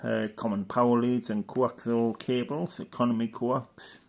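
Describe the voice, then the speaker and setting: This man speaks at mid pitch with barely any rise or fall, unhurried and full of vocal fry. As a hobbyist doing show-and-tell, he chats in a loose, rambling, matter-of-fact way, leaning often on tag questions.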